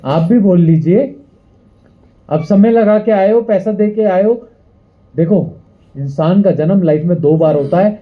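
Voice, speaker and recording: A man's voice: high voice, measured pace, long pauses. A young man giving a motivational speech to a live audience at an event hall, rousing the crowd and repeating lines for them to call back. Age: young adult. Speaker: motivational speaker. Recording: tinny phone-like sound.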